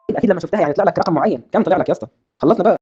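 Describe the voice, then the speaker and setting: A man's voice: high voice, rapid-fire, highs cut off, background noise. A man with an Egyptian Arabic accent, exasperated and insistent, in a comedic skit.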